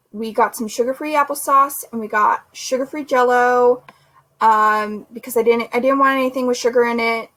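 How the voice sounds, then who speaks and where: A woman's voice: a little high, fairly bright tone, rough recording. A young woman vlogging casually about her recovery, chatty with lots of fillers, sore and a little short of breath. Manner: chatty, many fillers and restarts. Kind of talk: casual recovery vlog chat.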